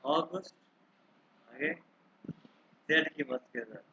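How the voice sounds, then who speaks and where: A man teaching German in an online class over a video call, slowly repeating words for his students to drill. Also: a little high, sharp tone. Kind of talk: online language lesson. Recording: muffled online call with clear noise.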